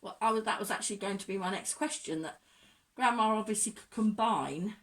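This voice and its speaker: A woman talks casually as an interviewer, in a medium-pitched voice. She is a little hesitant, often rewording what she asks as she goes. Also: brisk.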